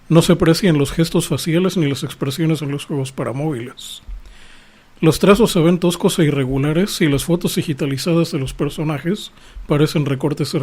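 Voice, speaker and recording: A man's voice: a little high, darkish tone. Man lecturing on a podcast. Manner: lecturing, explanatory, addresses listeners directly. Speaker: podcast host. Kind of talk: scripted podcast monologue.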